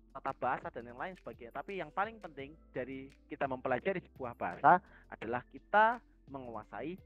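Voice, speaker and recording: A man with an Indonesian accent teaching an online language lesson, explaining calmly and reading dialogue lines slowly. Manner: reads dialogue lines slowly with a raised pitch; explains calmly to the group in a casual way. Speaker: Arabic teacher. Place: voice chat on a community server. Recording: dull lo-fi voice chat audio.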